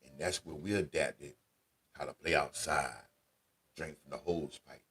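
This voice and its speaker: A man with a deep voice, telling casual family stories as a radio show host, laid-back and conversational with slang. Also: measured pace, a bit bright, husky. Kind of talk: casual storytelling monologue.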